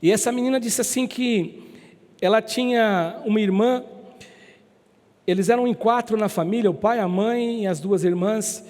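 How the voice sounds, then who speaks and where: A man preaching a sermon as pastor, telling a story slowly and repeating words for emphasis. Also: sits high, a little mellow, long reverb tail. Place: church.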